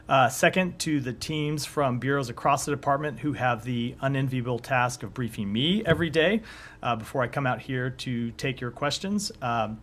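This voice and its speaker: A hoarse man speaking as a government spokesperson at a press briefing, measured and given to restarts. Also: mid-range voice. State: hoarse, coughing. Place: briefing room.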